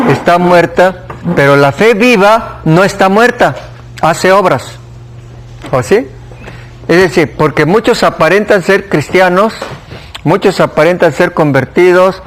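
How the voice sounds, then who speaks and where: A man whose voice sits on the high side teaches a church Bible class in a Mexican Spanish accent. He's conversational, questioning the class and restating the key points.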